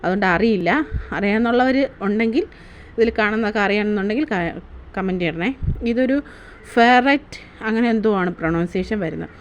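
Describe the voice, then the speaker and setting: A woman's voice: medium pitch, quick pace, highs cut off, slight background noise. A woman narrating her family day-out vlog in a casual, chatty way, often asking viewers to comment. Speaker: vlogger.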